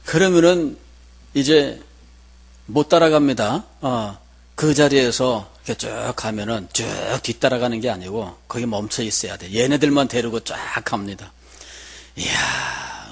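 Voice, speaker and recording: Husky-voiced middle-aged male pastor preaching. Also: mid-range voice. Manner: conversational storytelling, asks the congregation questions. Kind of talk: sermon.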